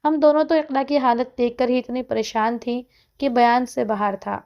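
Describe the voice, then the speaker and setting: A woman reading a first-person story aloud in a steady, conversational way. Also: a little high. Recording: dull lo-fi recording.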